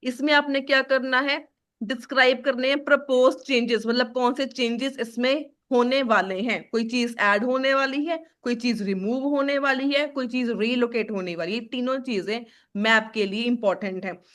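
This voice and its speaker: Lady teacher, bit high voice, mixes hindi n english, keeps quizzing the student. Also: normal speed, fairly bright tone. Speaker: IELTS teacher. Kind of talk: live classroom lesson.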